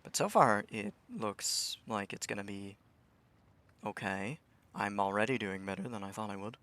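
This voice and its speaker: A young man with a lowish voice rambles through a game stream, talking to himself. He stammers over restarts and swears under his breath. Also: normal speed, fairly bright tone. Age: young adult. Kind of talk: casual live-stream commentary.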